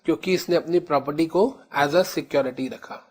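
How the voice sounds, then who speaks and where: An Indian man teaching law in a lecture, calling his students children and slowly repeating key terms. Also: on the high side, darkish tone, breathy edge. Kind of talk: classroom lecture in Hindi-English mix.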